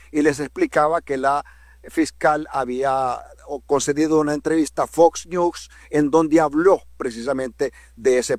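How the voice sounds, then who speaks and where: A man's voice: fairly high pitch, dry recording. A man, a journalist from Honduras, telling a story in emphatic commentary, repeating words and swinging his delivery up and down.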